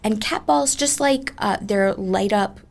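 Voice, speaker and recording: A woman ghost tour guide chatting in an animated, emphatic way as she tells ghost stories in an interview. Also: mid-range voice, measured pace, creaky. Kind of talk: conversational ghost storytelling.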